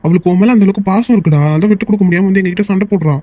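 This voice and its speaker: Brief: man playing earnest young friend, quick high voice, lo-fi sound. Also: dry recording. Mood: pleading. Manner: pleading, reasoning. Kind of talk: Tamil cartoon voice acting.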